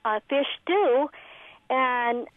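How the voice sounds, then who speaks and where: A woman's voice: high voice, extremely slow, no echo. A woman calling in to a radio show, telling a story in a chatty, rambling way over a tinny phone line.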